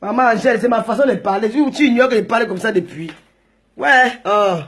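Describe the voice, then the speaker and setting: A high-pitched middle-aged woman with a Cameroonian French accent rants straight at her viewers. She talks in a rambling, combative and mocking way and raises her voice to a shout at times. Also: brisk. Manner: chatty, rambling. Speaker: vlogger. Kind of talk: ranting vlog monologue.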